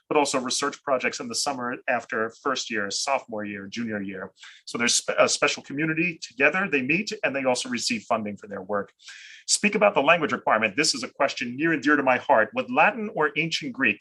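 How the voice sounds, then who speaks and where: A man's voice: mid-range voice, pushed and bright, breathy edge, rough recording. A man hosting a live admissions panel, racing through audience questions as a theology teacher. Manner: rapid-fire question answering. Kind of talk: live question-and-answer session.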